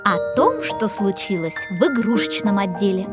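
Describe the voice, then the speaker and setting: A woman narrating a children's story with a gentle, clear read-aloud delivery. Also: medium pitch, sing-song, moderate pace, loud music behind the voice.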